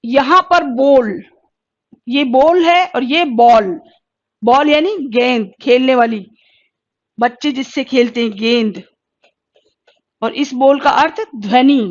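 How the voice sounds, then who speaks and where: A woman leads a Hindi exam-prep lesson, posing questions and answering them herself while slowly sounding out each vowel in careful pronunciation drills. Her voice sits high, and the sound is lo-fi.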